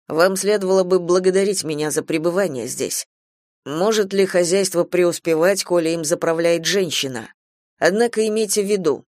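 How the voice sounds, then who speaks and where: A man's voice: on the high side, no room sound, studio quality, lightly acted. A man playing a steadfast, devoted farm manager who speaks earnestly and bluntly in a radio play.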